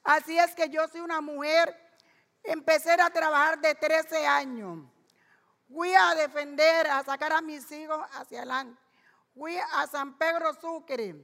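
An older woman from Palenque in Colombia with a Caribbean coast accent, telling stories of her life as a street vendor with lively energy. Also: high-pitched, unhurried, vocal fry. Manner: energetic, animated storyteller. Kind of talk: lively storytelling interview. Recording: long echoing reverb.

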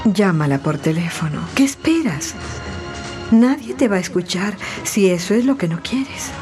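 Woman acting as expressive, urging confidante. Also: mid-range voice, moderate pace, music in the background, close to an everyday voice. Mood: encouraging. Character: urging, encouraging female confidante. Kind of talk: melodramatic radio drama acting.

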